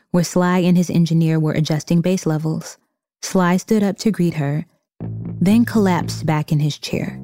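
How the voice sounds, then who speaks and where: A woman reading a scripted story narration in a measured storytelling manner. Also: low voice, mellow.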